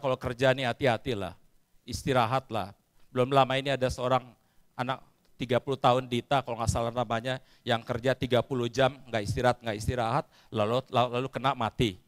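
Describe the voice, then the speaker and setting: A male pastor preaching a sermon at a church service, speaking emphatically, repeating phrases and often addressing the congregation directly. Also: mid-range voice.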